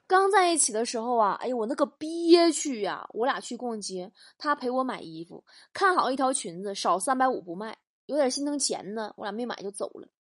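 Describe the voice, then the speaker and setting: A young woman hosting a comedy show, telling funny stories in a lively, teasing way and laughing at her own jokes. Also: a little high, fairly quick, hardly any pauses. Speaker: comedy talk show host. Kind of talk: comic storytelling monologue.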